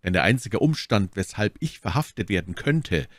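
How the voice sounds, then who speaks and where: A man doing a calm, bold young musketeer. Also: fairly low pitch, moderate pace, dry recording, studio quality, natural voice. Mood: calm, defiant. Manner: steady, respectful, composed. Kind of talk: audiobook character voice.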